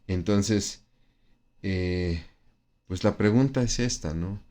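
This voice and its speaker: A man's voice: low-pitched, slow, mellow. A man teaching a Bible study lesson in a conversational way, with frequent tag questions and restarts. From Mexico.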